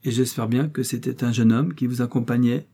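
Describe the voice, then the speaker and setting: A man's voice: mid-range voice, fairly even intonation, brisk, dark tone, husky. A man voicing an impertinent young woman who pries with a sly, insinuating manner.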